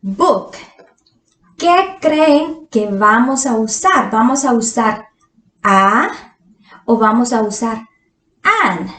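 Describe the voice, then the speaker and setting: A woman teaching English grammar to Spanish speakers, patient and drawn-out, asking her students quiz questions. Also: a little high, lively intonation, fairly bright tone. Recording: echoey room.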